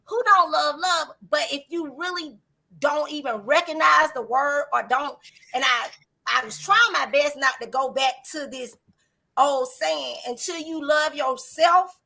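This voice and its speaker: A woman's voice: high voice, measured pace, gravelly, bright, forceful tone, rough recording. A woman guest on a talk show, speaking earnestly and preachily about faith and love in casual chat.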